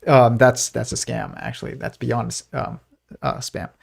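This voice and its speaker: A man's voice: mid-range voice, flat delivery, a little slow, vocal fry, husky. A man hosting a live physics stream, talking casually and rambling with lots of fillers and restarts. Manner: puts on a posh old-timey voice when quoting. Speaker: host of a live physics show.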